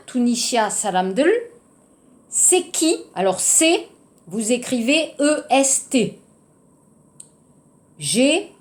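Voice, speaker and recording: A woman teaching a French lesson to Korean learners, explaining slowly and adding Korean translations. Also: sits high, a little mellow. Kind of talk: classroom lesson.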